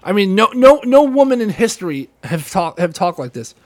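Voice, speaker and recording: A man in casual, profane chat, mocking a script with animated outbursts and stammered restarts. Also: sits high, normal speed.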